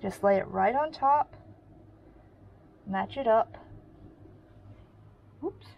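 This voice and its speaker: A woman's voice: a little high, lively intonation, very slow, gravelly, dull audio. A woman giving a casual sewing tutorial, explaining each step in a friendly way while she works. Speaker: sewing instructor.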